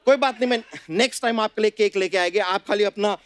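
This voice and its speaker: A man's voice: high voice, fast talker, clean tone, close to an everyday voice. A man on a comedy stage putting on a bumbling, word-fumbling fan who claims to be a Hollywood producer, mixing broken Hindi with English. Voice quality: stammering over big words, mixes English. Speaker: comedian in a sketch. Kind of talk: comic sketch impression with broken Hindi grammar. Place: TV studio stage with audience.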